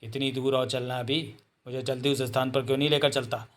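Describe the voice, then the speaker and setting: A man's voice: medium pitch, flat delivery, quick pace, a bit bright, close to an everyday voice. A man voicing a hot-tempered young man who snaps curt, harsh commands. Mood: anxious.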